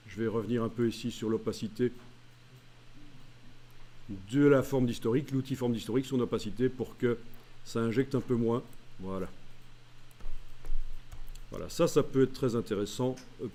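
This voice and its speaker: Male software trainer, mellow tone, talks through each menu step with frequent hesitations. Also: mid-range voice. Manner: walks through menu steps aloud, many "euh" pauses. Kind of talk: screen-recorded tutorial.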